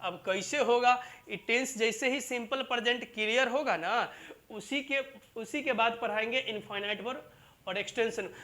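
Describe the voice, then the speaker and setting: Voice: mid-range voice, fairly bright tone. An English teacher gives a classroom grammar lesson in front of a whiteboard. The teacher repeats each point and keeps checking with the students, calling them "babu" and "bhai". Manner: repetitive, keeps asking "clear?" and calls students "babu" and "bhai".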